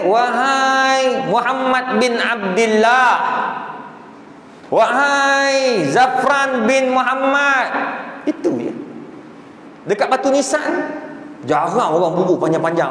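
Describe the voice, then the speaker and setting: A man with a Malaysian Malay accent giving a lively storytelling lecture in a mosque, acting out the people he quotes. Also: high voice. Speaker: religious lecturer. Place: large mosque hall. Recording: echoey hall with long reverb.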